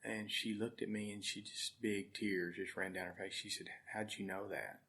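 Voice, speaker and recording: A man's voice: lowish voice, fairly even intonation, normal speed, pushed and bright, slight background noise. A man from Arkansas, a guest telling heartfelt, rambling stories and often repeating his words. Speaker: guest, food charity volunteer. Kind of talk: storytelling in conversation.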